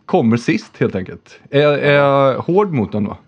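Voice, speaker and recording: A man's voice: mid-range voice, animated. Chatty man hosting a podcast, lo-fi. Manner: chatty, joking, swears casually. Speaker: podcast host. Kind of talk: casual podcast chat.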